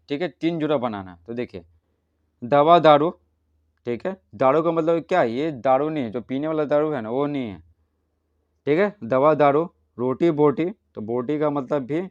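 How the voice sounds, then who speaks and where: A man's voice: on the high side, smooth, dry recording, muffled recording. A man teaching a primary school language lesson, patiently asking questions and answering them himself. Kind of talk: explaining a school textbook lesson.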